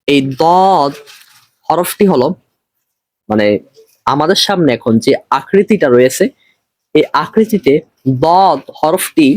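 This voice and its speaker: Patient teacher man, high-ish dry voice. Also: no echo. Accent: Bangladeshi Bengali. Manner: patient, repetitive, stretches letter names slowly. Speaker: Quran reading teacher. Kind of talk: online lesson explaining Arabic letters.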